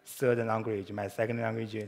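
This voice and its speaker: This is a native Chinese speaker presenting at a conference, his accented English hesitant and riddled with self-corrections and fresh starts. The voice sits fairly low, gravelly, with little change in pitch.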